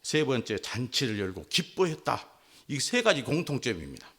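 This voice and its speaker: A male pastor delivers a Sunday sermon. He preaches in an animated way, his pitch rising and falling widely. His voice sits at a middle pitch. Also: moderate pace, slightly rough. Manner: animated, acts out quotes.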